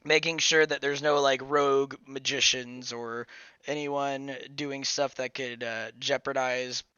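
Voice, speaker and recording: A man running a tabletop game as game master, halting, with many ums and uhs. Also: medium pitch, little pitch movement, pushed and bright, clean tone, no room sound, lo-fi sound. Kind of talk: narrating a tabletop game over a call.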